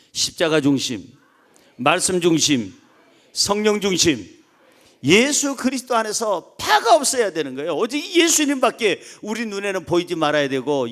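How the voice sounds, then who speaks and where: A male pastor preaching an animated, joking sermon, swinging between loud calls and soft asides, and leading the congregation in reading aloud. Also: fairly high pitch.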